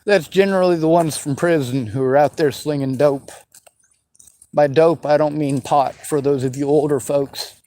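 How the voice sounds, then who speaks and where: In an angry, improvised vlog monologue, a man in his forties from the western US responds to viewer questions, bitter and swearing. He speaks at normal speed in a fairly high, dark-toned voice that stays steady, and the audio quality is poor.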